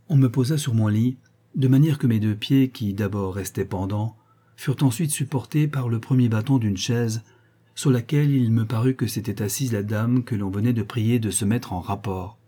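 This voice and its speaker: Husky, dark-voiced male audiobook narrator. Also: on the low side. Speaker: audiobook reader.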